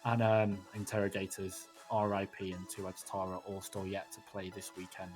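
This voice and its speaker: A man casting a live esports match. He gets excitable, swears freely and sounds out of breath after a close finish. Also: low voice, moderate pace, over music. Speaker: esports caster.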